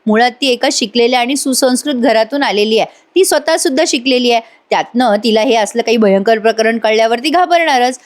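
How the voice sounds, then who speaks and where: A woman narrating a voice-over recap of a TV serial, talking straight to her viewers in a chatty way. Her voice sits fairly high. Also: fairly quick, few pauses. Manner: chatty, addresses viewers directly. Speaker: serial reviewer. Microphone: voice-over studio mic.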